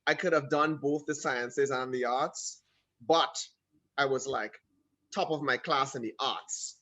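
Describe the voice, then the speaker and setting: As a guest on a casual video call, this man from Trinidad and Tobago shares his story in an animated way, peppered with fast asides. He has a Trinidadian accent and a mid-range voice.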